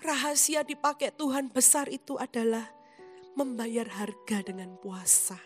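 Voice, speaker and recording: A woman's voice: fairly high pitch, fairly even intonation, a little slow, soft background music. A woman preaching a sermon in an earnest, emphatic manner, speaking of herself in the third person.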